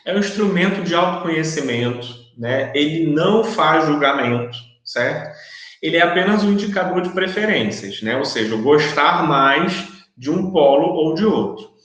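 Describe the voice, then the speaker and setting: A man's voice: on the high side, animated, normal speed, fairly bright tone. Man lecturing in a very echoey room. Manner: explanatory, checks understanding with frequent tags. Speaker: university lecturer. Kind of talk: recorded online lecture.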